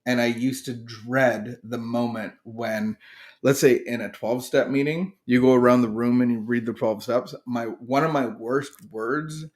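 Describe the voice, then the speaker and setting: A man's voice: medium pitch, fairly even intonation, a little mellow. A middle-aged man co-hosting a podcast, chatting casually and playfully, often breaking off and restarting his sentences. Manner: playful, joking, halting with restarts. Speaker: podcast co-host. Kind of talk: casual chat.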